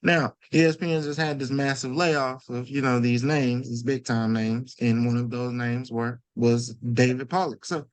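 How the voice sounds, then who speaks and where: A man's voice: medium pitch, fairly even intonation, normal speed, few pauses, no room sound. A man co-hosting a casual sports podcast, talking loosely and animatedly with slang and swearing. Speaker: podcast co-host.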